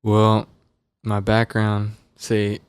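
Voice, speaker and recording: A young man from Las Vegas chats casually as a podcast guest, rambling through his stories with plenty of fillers. His voice sits low and smooth, with a fairly flat, even delivery. The dry, close studio mic adds no room sound. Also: very slow, dry recording. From Las Vegas, USA. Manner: relaxed, loose, filler-heavy storytelling. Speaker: musician guest. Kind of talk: casual interview chat. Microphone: dynamic studio mic.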